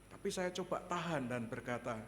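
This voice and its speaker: A male pastor preaching a sermon, telling a personal story in an animated way, chuckling often and addressing the congregation directly. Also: mid-range voice, normal speed. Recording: echoey hall, faint background noise.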